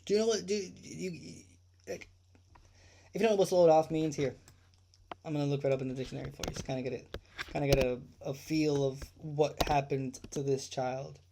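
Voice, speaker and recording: A man's voice: medium pitch, normal speed, creaky, warm tone, a little hiss or hum. A man hosting a true crime livestream, ranting indignantly with swearing and rhetorical questions, repeating his points.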